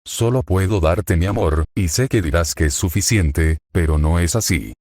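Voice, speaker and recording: A gentle young woman whispers her anguish to herself, as a man reads her. The reading voice is very deep. It is recorded close and dry. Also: normal speed, dry recording. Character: tearful gentle young half-elf woman.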